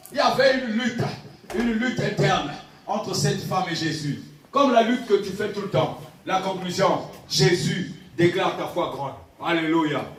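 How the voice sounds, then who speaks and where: A man preaching a fervent sermon, shouting and repeating phrases as he leads the congregation in loud prayer. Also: high voice, slight background noise. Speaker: pastor. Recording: echoey hall from far off, with music.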